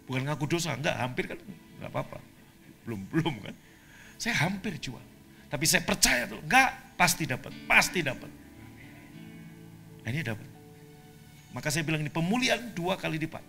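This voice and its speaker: A man preaches to his congregation in a high, sharp and forceful voice. He drops to quick, hushed asides, then climbs into shouted declarations. Faint music plays behind him. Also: sing-song, creaky. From Indonesia. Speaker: pastor. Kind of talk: sermon.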